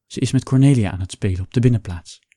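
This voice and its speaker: A man voicing a kindly old male painter in a storybook reading, speaking gently with grief close beneath. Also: fairly low pitch, quick pace, no room sound, lightly acted. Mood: tender. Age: older.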